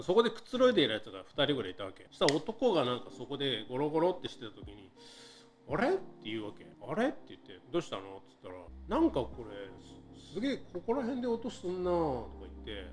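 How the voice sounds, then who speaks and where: A man casually telling a true scary story from his own life, acting out what people said and the buzzing of wasps, laughing often. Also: mid-range voice. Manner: animated, acts out quotes and buzzing sounds, laughs often. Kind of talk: casual storytelling from a live stream.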